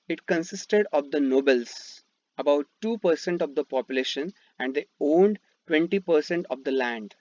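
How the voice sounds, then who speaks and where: A man's voice: on the high side, a little mellow. Man teaching history with an Indian accent. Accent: Indian English. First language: Marathi. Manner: explains step by step, asks rhetorical questions, frequent fillers and restarts. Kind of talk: slide-based history lesson. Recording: dull dry lo-fi voice-over.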